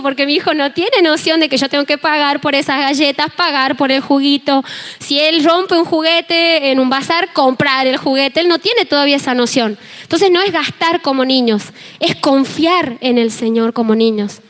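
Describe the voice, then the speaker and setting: A young woman with an Argentine accent, preaching a sermon and telling a personal testimony in an animated, storytelling way. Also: high-pitched, normal speed. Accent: Argentine Spanish. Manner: animated storytelling, acting out dialogue. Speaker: preacher and worship team member.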